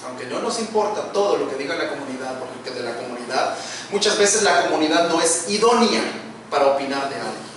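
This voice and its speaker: A man's voice: a little high, animated, fairly quick, a bit bright. A middle-aged male pastor preaching a sermon in a church, asking rhetorical questions and swelling in volume. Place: church sanctuary. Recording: echoey church hall, distant mic, noisy.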